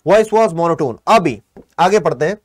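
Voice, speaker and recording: A male teacher takes his students through a reading passage, reading each line slowly before explaining it and quizzing them. His voice sits fairly high. The sound is close and dry, with no room echo. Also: lively intonation. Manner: addresses students directly, asks and answers his own questions; reads English lines slowly, then explains them in Hindi. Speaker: English teacher. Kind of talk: exam-prep lesson, reading and explaining a passage.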